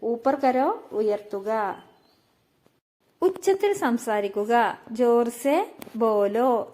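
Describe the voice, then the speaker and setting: A woman from teaching spoken Hindi, explaining each phrase and repeating it, slowing down for the Hindi words. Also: on the high side, warm tone. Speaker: language teacher.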